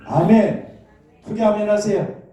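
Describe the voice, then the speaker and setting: A man's voice: sits high, a little slow, dark tone. A man preaching a sermon in a church, drawing the congregation in with questions and calls for amens. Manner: call-and-response, asking questions and prompting amens. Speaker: pastor. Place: church sanctuary. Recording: echoey church hall, distant mic.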